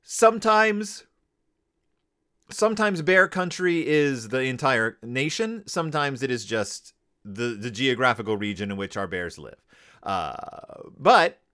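Rambling, lively-pitched male podcast host. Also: a little slow, clean tone. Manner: rambling, digressive, self-correcting. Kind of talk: casual comedic book review.

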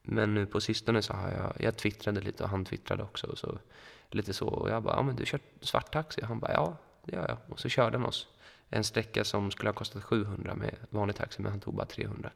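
A man's voice: lowish voice, little pitch movement, gravelly, few pauses, breathy edge, long reverb tail. A young man co-hosting a podcast, telling a long party anecdote in casual chat, full of fillers and acted-out quotes. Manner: rambling anecdote with many fillers and quoted dialogue. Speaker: podcast co-host. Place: school room.

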